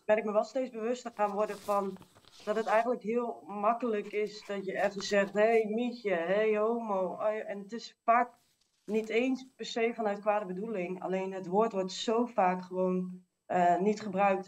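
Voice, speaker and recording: A woman giving earnest interview answers in a halting way. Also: medium pitch, steady tone. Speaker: guest, technical manager. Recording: voice distant from mic.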